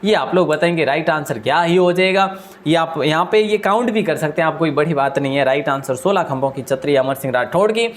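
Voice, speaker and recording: A man teaching an exam-prep quiz lesson, talking fast and repeating each question before answering it himself. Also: a little high. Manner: asks questions aloud and answers them himself; deliberately speaks fast.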